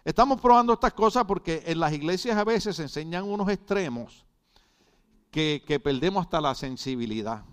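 A man's voice: on the high side, lively intonation, normal speed, clean tone. A man from Puerto Rico preaching a sermon, joking with the congregation, repeating words and often asking if they are following. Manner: jokey, repeats words, often asks "right?".

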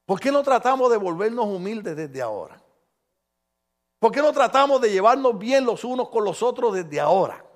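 A middle-aged Puerto Rican-accented preacher with a notably high voice delivers a sermon. He tells stories animatedly and keeps throwing rhetorical questions at his listeners. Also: very animated, moderate pace. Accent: Puerto Rican Spanish. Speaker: pastor.

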